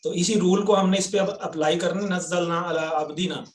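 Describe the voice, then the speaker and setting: Pakistani male teacher on a video call, higher voice, roomy echo, patient and step by step. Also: fairly even intonation, slight background noise. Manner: patient, explains step by step, quizzes students. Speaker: Quran word-by-word teacher. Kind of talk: online class teaching. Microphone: computer mic on a video call.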